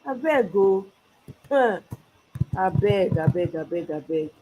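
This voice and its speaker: Through a low-quality recording with a bit of hiss or hum, a mellow, mid-range female voice speaks slowly and expressively. The speaker is a Nigerian woman outside her country who hosts a solo political commentary channel, fervently mixing Pidgin into her English.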